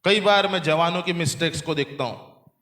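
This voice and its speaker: Man, pastor, sermon, call-and-response, bright voice, echoey church. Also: on the high side, normal speed. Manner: call-and-response preaching, quizzing the congregation. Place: church hall. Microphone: handheld microphone.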